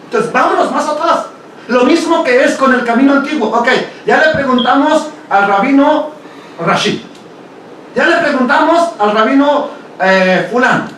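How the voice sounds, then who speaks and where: A high-pitched man teaches a Bible study to his congregation in a relaxed, questioning way. His voice rings through a very echoey hall. It is picked up from well away from the mic, with a faint hiss behind it. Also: normal speed, distant mic. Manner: conversational, asks rhetorical questions, tags "ok?".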